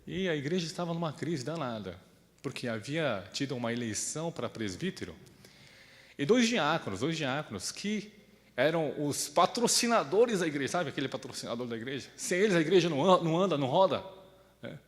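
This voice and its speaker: Animated preacher, echoey hall. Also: male voice, a little high, fairly quick. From Brazil. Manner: conversational preaching, often asks "né?" and acts out quoted voices. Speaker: pastor. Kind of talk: sermon with personal story.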